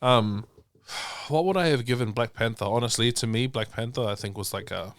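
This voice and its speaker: A man's voice: mid-range voice, moderate pace, a bit bright, no echo, studio quality. A man hosting a casual podcast chat, rambling and swearing as he retells scenes. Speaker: podcast host.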